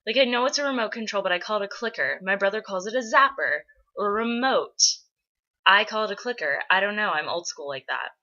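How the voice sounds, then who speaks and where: A woman's voice: medium pitch, animated, fairly quick, sharp tone. An American woman talking casually on her own as she answers a questionnaire, with a wry, opinionated way of speaking, on a lo-fi home recording. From United States, born in California, moved between states. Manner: wry, opinionated asides with mild swearing. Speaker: blogger answering an accent challenge.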